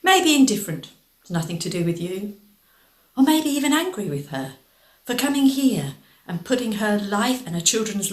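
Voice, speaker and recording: A woman charity worker presenting in calm, measured scripted narration, putting questions to the listener. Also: mid-range voice, roomy sound.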